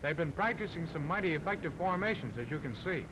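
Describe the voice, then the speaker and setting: A man giving brisk, upbeat narration on an old 1930s newsreel soundtrack. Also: fairly high pitch, expressive, low-quality recording.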